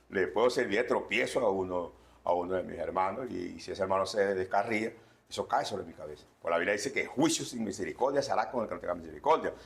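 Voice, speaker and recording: A man preaching a sermon as pastor, swinging between loud warnings and quiet asides. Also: lowish voice, creaky.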